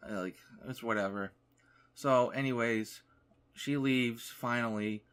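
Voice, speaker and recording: A young man of medium pitch casually tells a story over his gameplay. He rambles, restarts, and leans on "like" all the time. His tone is loose and chatty. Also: measured pace, fairly bright tone, smooth. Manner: rambling, lots of "like" fillers. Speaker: gaming YouTuber.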